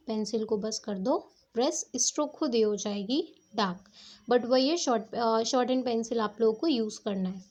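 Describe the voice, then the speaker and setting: A woman's voice: a little high, darkish tone. A woman teaching shorthand strokes step by step, patiently checking that her students follow. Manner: patient, repeats "ठीक है" to check understanding. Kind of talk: step-by-step classroom explanation.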